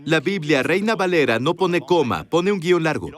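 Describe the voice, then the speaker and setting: A man's voice: on the high side, animated, moderate pace. A man giving a dubbed sermon voice-over, preaching emphatically and asking the congregation rhetorical questions, recorded in a voice-over studio.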